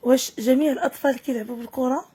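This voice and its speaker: A Moroccan woman teacher reads a French lesson text slowly and clearly, then explains it quickly in Moroccan Arabic. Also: high voice, fairly even intonation, mellow. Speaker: primary school French teacher. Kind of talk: reading lesson, slow read-aloud with explanations.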